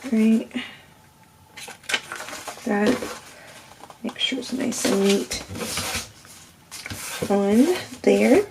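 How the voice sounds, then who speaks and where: Speaking extremely slowly with long pauses, a woman with a gravelly, on-the-high-side voice guides a casual step-by-step crafting demo. She sounds slightly nasal and stuffy with a scratchy throat, and keeps checking in with "right?"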